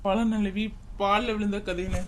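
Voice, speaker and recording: A man's voice: sits high, level tone, normal speed, a little hiss or hum, natural voice. A man playing a young husband who regrets a mistake and coaxingly pleads with his wife. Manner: pleading, self-pitying, coaxing. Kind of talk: family skit dialogue.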